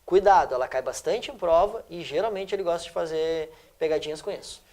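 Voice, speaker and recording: A teacher works through exam answers. He keeps checking that his students follow along. His delivery is lively and animated. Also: on the high side, a little fast. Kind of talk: exam-prep lesson.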